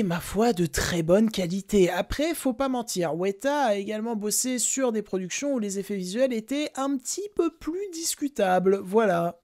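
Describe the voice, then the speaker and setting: A young woman hosts a film podcast, chatting casually and sprinkling in self-mocking jokes and asides. Her voice is a little high and mellow.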